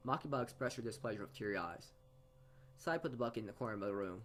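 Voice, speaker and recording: A gaming host with a lowish, slightly bright voice talks fast while reading a visual novel. He often repeats or stumbles over words and adds casual asides, with game background music behind him.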